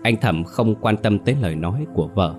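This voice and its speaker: A man narrating a ghost story in a steady, grave manner. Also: on the low side, a little fast. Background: faint music.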